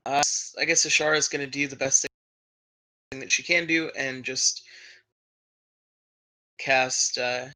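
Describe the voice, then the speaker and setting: A man's voice: mid-range voice, steady tone, slow, long pauses, sharp tone, poor audio. Man on a choppy, cutting-out internet call. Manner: describes his character's moves in the third person. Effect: choppy voice, cutting out over a bad internet connection. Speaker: player. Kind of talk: casual tabletop game play over a voice call.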